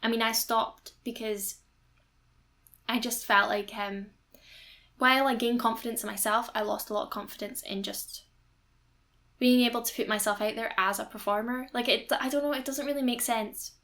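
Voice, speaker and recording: A woman's voice: on the high side, steady tone, moderate pace, fairly bright tone. A young woman, chatting enthusiastically over a game build video as a YouTuber. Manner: chatty and enthusiastic, rambling storytelling.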